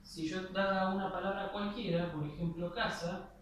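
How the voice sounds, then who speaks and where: A man's voice: sits high, steady tone, moderate pace. A man giving a spoken grammar lesson, explaining patiently and checking in with his listeners. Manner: explanatory, with frequent "¿sí?" checks and restarts. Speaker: lecturer. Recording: very echoey, distant mic, faint noise.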